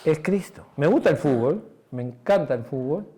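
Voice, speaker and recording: This pastor's voice is on the high side and expressive, with a breathy edge and a moderate pace. Delivering a sermon in a Uruguayan Spanish accent, he shares a personal story full of acted-out dialogue and frequent tag questions, then softens into a quiet, intimate tone near the end.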